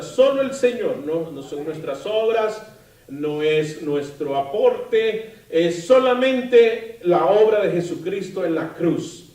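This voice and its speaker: A man preaching a sermon as pastor, lively, asking the congregation questions and adding light humor. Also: high-pitched. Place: church sanctuary. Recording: roomy, from far off the mic.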